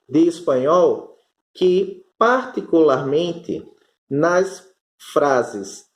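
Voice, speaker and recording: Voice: mid-range voice, a little mellow. A teacher with a Northeastern Brazilian accent, giving an online Spanish lesson and patiently drawing out each term. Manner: explains patiently, stretching out Spanish terms. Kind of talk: online class explanation. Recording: roomy echo.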